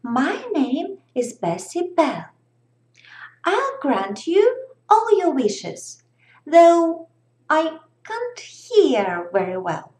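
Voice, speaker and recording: A woman voicing an eager, muddled fairy who can't hear well, in a high squeaky voice, reading a storybook aloud. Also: wildly swooping pitch, extremely slow, darkish tone, exaggerated voice. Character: hard-of-hearing female fairy, eager and muddled. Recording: echoey room.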